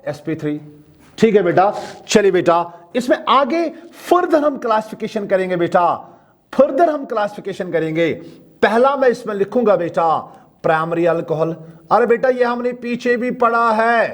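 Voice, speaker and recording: Animated Kashmiri male chemistry teacher. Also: high-pitched, normal speed. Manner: animated, repeats the word "beta" and answers his own questions. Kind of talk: classroom lecture.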